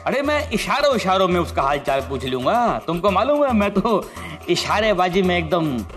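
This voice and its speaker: An actor playing a suspicious, sly office boss in a sitcom, drawling sarcastically and mixing in English. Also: male voice, sits high, big pitch swings, moderate pace, fairly bright tone, faint music behind. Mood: sly, coaxing. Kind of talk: sitcom acting.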